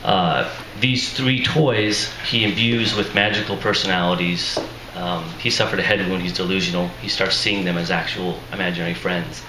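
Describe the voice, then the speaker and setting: In a deep, steady voice at normal speed, with hardly any pauses, a male author talks about his book before a live audience. He sounds worn out and strained yet keeps things casual, joking at his own expense and chuckling. The recording carries room echo and noisy ambience.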